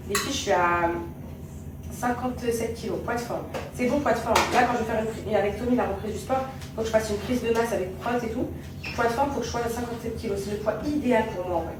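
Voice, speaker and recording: A woman's voice: on the high side, fairly quick, far from the mic. A woman chatting casually to her camera at home, confiding in her viewers and speaking tenderly to her children. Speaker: vlogger. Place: home kitchen. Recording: roomy and off-mic with home background noise.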